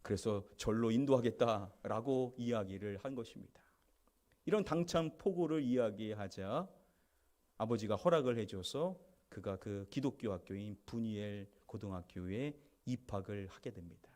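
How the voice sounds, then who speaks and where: A man's voice: fairly low pitch, moderate pace, a little mellow. A man, a senior pastor, preaching a Sunday sermon in a church, retelling a story and leading into a video for the congregation. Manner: introducing a video clip to the congregation. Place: church sanctuary.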